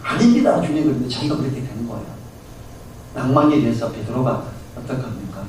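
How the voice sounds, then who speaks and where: A man's voice: medium pitch, fairly quick, darkish tone, a little hiss or hum. A male pastor giving a Sunday sermon in a storytelling manner, acting out the characters in his stories. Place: church sanctuary. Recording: very echoey church hall, mic far off.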